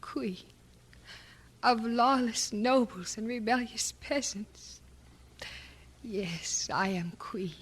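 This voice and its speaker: An actress playing a young, anxious yet proud queen, with measured, dramatic delivery in old radio drama style. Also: a little high, husky. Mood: reluctant, bitter.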